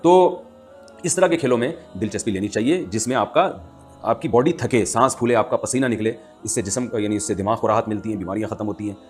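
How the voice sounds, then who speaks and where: A man, an Islamic scholar answering listeners' questions in a lecturing manner and reciting Arabic lines slowly. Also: fairly low pitch, faint music behind. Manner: lecturing, quotes Arabic verse slowly and clearly. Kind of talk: religious Q&A talk.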